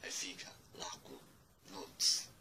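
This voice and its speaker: A man giving a casual spoken lesson, spelling out letters one by one and repeating words slowly. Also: background noise. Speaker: language teacher.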